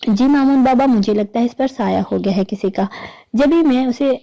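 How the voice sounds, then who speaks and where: A woman's voice: fairly high pitch, mellow, close to an everyday voice. A woman voicing a greedy, scheming man who bosses and threatens his neighbour. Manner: bossy and threatening.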